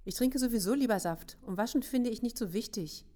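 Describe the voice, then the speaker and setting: A woman's voice: a little high, brisk, mellow, voice pushed up, natural voice. A woman reading aloud, voicing a cheeky boy with a flippant tone.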